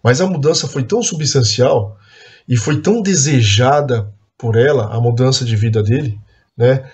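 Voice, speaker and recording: A Brazilian man teaches an adult Sunday school Bible class in a medium-pitched, darkish voice at normal speed. His manner is earnest and admonishing yet conversational, sprinkled with tag questions and fillers.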